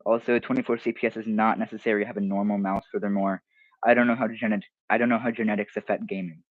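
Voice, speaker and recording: A man's voice: fairly low pitch, level tone, quick pace, no echo, narrow, tinny audio. A teenage streamer, casually reading comments aloud and mocking them, often restarting his sentences.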